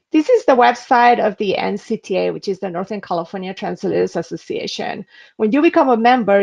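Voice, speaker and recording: A gravelly, mid-range female voice belongs to a Spanish interpreter presenting a webinar, teaching through a screen demo. Her manner is earnest and advisory, with many hesitations, and the audio is dull lo-fi webinar quality.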